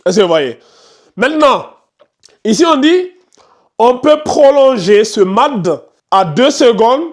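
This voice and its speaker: Guy teaching quran recitation to a class, high voice, repeats stuff a lot, tells the kids to shut up. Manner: firm, scolds chatty students and asks the class questions; explains patiently with many repetitions. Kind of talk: classroom tajwid lesson.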